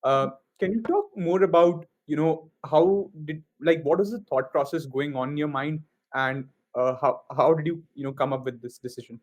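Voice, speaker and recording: A man's voice: fairly high pitch, normal speed, hardly any pauses. A man hosting an interview, asking questions in a hesitant way with frequent restarts and fillers. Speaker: podcast host, interviewer.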